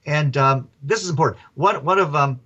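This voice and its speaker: Man, author guest on radio, lively and chuckling, muffled lo-fi sound. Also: fairly high pitch, normal speed, breathy edge. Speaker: author and professor.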